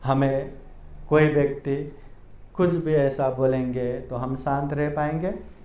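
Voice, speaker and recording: A male Buddhist monk telling a story in a sermon, slowly, repeating phrases for emphasis, in a temple hall. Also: medium pitch, fairly even intonation, dark tone. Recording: echoey hall room.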